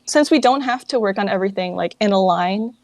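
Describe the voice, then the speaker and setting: Speaking fairly quickly with lively intonation, a woman with a mid-range voice is heard in a clip free of room sound. She founded a fan dub project and chats loosely as an interview guest, her hesitant phrasing peppered with "like."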